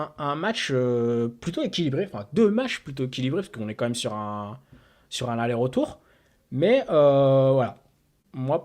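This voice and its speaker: Guy on a football podcast, lots of uhs and pauses, reading names off a list. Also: medium pitch, a little mellow. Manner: hesitant, many filler pauses while reading a list. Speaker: podcast co-host. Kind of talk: casual sports podcast talk.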